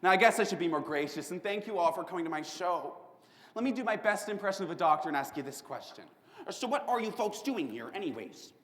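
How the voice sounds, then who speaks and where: A man's voice: animated, fast. A man performing a charming, mocking young serial killer on death row in a competitive prose piece. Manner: sardonic, swinging between loud outbursts and low hushed lines. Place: performance room at a speech competition. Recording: echoey hall reverb.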